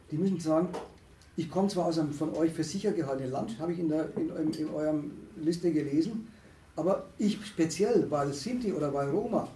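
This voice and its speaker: Guy lecturing with lots of restarts, dark mellow voice, far off in an echoey room. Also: a little high. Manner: halting, many restarts, emphatic rises. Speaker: speaker at a discussion on asylum. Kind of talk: lecturing discussion talk. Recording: echoey room, distant mic, faint noise.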